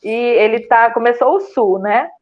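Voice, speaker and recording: A woman with a Brazilian Portuguese accent telling her story in a casual interview, animated and full of fillers and restarts. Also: a little high, normal speed, highs cut off. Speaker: student telling her experience.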